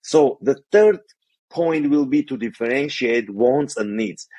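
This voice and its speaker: A man guesting on an interview podcast as a financial coach explains money tips with care; he's Armenian, with an Armenian accent and some non-native phrasing. His mid-range voice is unhurried, mellow and slightly rough, recorded dry.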